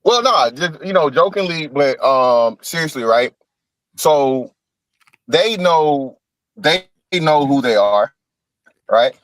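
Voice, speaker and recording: A man's voice: fairly high pitch, animated, takes it slowly, pauses often, a bit bright, dry recording, poor audio. A man talking in a rambling, loose way full of fillers, heard over glitchy call audio that keeps breaking up. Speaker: livestream co-host. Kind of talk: casual chat.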